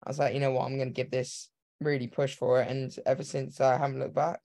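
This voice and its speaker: Casting: young man in his 20s from Hong Kong, flat delivery, rambling and eager, webcam call sound. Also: mid-range voice, fast talker, creaky. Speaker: guest, professional runner. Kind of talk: casual interview. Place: home room. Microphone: video call webcam.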